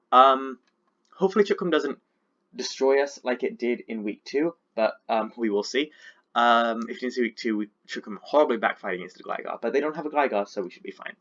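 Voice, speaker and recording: This Pokemon league coach, nursing a sick sore throat, chats loosely and fills his team breakdown with lots of fillers. His mid-range voice sounds pushed and bright, though the audio itself is dull.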